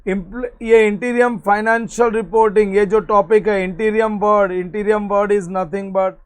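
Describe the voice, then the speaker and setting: High-voiced Indian man teaching a class. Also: fairly even intonation, normal speed, clean tone. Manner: explains in Hindi mixed with English terms, repeats key points. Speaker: accounting teacher. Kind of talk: classroom lecture.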